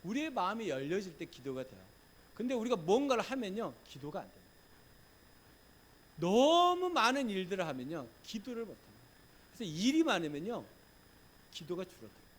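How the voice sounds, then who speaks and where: A middle-aged male pastor preaching a Sunday sermon in a church, swinging from loud urging to soft, murmured reassurance. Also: sits high, big pitch swings, fairly quick, long pauses. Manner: acts out gentle quoted lines in a hushed voice. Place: church sanctuary.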